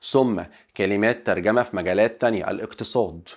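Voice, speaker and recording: A man with an Egyptian accent teaching an English lesson online, talking in an animated way and acting out his students' questions. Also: lowish voice, quick pace. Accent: Egyptian Arabic.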